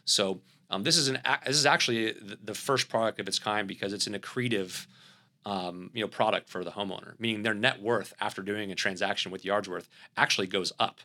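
A man's voice: fairly low pitch, fairly quick, pushed and bright. A man with a Southern US accent, a company CEO explaining his product in a podcast interview, speaking fluently with many fillers and restarts.

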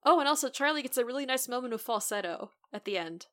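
Bright, animated woman chatting on a podcast. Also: high-pitched, fast. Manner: animated, giggly, acts out quotes. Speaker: podcast co-host. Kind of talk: casual chat, TV episode recap.

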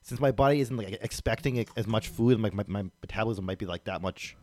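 A man's voice: lowish voice, fast, a little mellow, no room sound. A man co-hosting a podcast, chatting casually in a hesitant, stammering way. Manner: hesitant, stammering, lots of fillers. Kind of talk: casual chat.

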